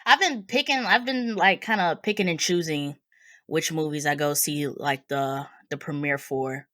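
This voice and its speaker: A woman's voice: sits low, moderate pace, bright, forceful tone, dry recording, studio quality. A woman hosting a review podcast, talking in an informal, slangy, conversational way. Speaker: podcast host. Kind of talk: casual movie review podcast.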